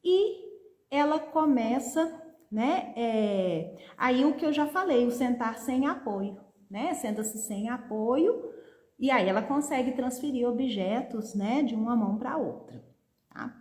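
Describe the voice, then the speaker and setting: A woman's voice: on the high side, lively intonation, slow pace, darkish tone. A Brazilian woman, a pediatric occupational therapist, explaining in a live stream, often checking in with her audience. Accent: Brazilian Portuguese. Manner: didactic, frequent "né?" and "tá bom?" check-ins. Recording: echoey room.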